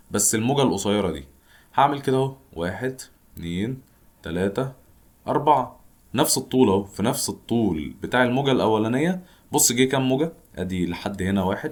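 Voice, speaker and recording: A young man with an Egyptian accent teaching a science lesson in a chatty way, asking and answering his own questions. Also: mid-range voice. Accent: Egyptian Arabic. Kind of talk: casual explanatory lesson mixing English terms.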